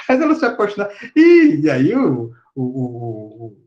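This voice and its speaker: A man lectures casually and tells a story in slang, full of fillers. His voice is high and moves animatedly up and down. The audio is slightly muffled, like an online class. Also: huge pitch swings, slow pace, darkish tone. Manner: colloquial, slangy storytelling with many fillers and laughs. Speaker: psychology lecturer. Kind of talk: casual university lecture, retelling a myth.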